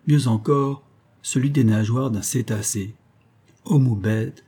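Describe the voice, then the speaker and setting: A man reading an adventure novel aloud as an audiobook narrator, in steady, even storytelling. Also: lowish voice, husky. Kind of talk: scripted narration.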